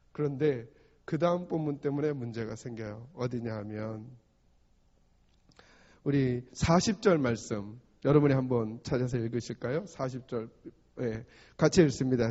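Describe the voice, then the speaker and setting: A man's voice: a little high, a little mellow. A man preaching a sermon as pastor, often asking the congregation questions and acting out short quotes. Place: church sanctuary. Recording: dull sound with long hall reverb.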